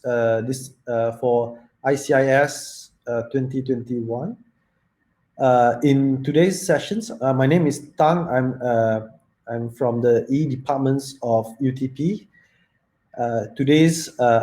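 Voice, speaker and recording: A man chairing an online conference session, giving halting welcome remarks with non-native phrasing. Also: medium pitch, mellow.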